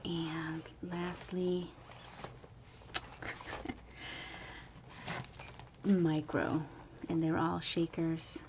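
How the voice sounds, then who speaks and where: Woman whispering a casual craft show-and-tell at home, low voice, hiss in the background. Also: fairly even intonation, measured pace, highs cut off. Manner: soft whispering, chatty, with fillers. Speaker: crafter showing handmade planners. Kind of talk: whispered early-morning craft video. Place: home, early morning.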